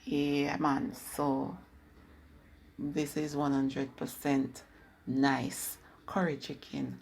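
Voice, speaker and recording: A woman's voice: low-pitched, little pitch movement, extremely slow, gravelly, a little mellow, a little hiss or hum. A woman with a Jamaican accent, casually explaining a recipe on her cooking channel and slipping into patois. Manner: chatty, instructive, slips into patois. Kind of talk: casual cooking video narration.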